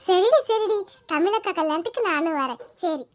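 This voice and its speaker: A woman's voice: very high-pitched, expressive, moderate pace. A mopey, jealous schoolgirl. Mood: reconciled. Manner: mopey, complaining. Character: sulky, jealous older-sister schoolgirl. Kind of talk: cartoon voice acting.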